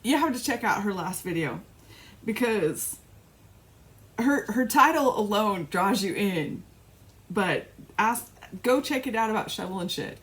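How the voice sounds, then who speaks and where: A woman's voice: medium pitch, fairly bright tone. A middle-aged woman chatting casually on her cross-stitch vlog, rambling with restarts and little laughs. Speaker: flosstube vlogger. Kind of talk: casual chat.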